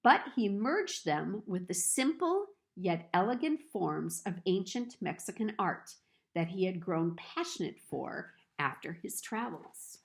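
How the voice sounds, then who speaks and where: Reading a picture book to children, a woman with a gravelly, mid-pitched voice moves slowly and places every phrase with care. She tells the story with lively, expressive swings up and down in pitch.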